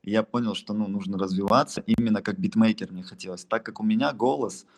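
Speaking over some background noise, this young adult from Russia's Altai region talks briskly in a voice on the low side. He's a music producer and beatmaker being interviewed, and his replies wander, lean on slang, and keep breaking off into false starts.

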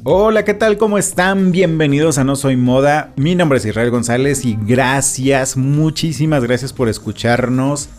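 A man hosting a podcast interview, friendly, with animated greetings. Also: mid-range voice, normal speed, hardly any pauses, faint music behind. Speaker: podcast host.

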